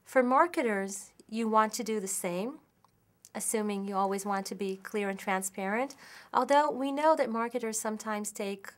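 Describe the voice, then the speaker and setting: Woman lecturer explaining calmly and methodically to camera, mid-range pitch, restarts now and then. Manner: measured and explanatory, builds points with examples; occasional restarts and self-corrections. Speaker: marketing lecturer.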